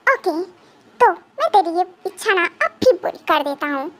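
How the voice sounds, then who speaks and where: A woman's voice: very high-pitched, very animated, moderate pace, fairly bright tone, heavily acted. A woman voicing a menacing young male psychopath gang boss in a fan dub drama, taunting and threatening.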